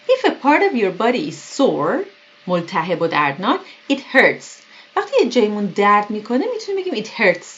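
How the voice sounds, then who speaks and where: A woman whose first language is Persian, teaching English vocabulary. She reads English examples slowly and then explains them quickly. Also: mid-range voice, fairly bright tone. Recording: dull lo-fi recording.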